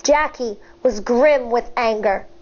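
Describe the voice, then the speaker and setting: This children's read-aloud with teaching asides features a high-pitched woman who sounds like an elementary school teacher speaking to young listeners. Her reading is deliberate and expressive, made for storytelling and explaining, though the audio comes across as slightly dull and lo-fi.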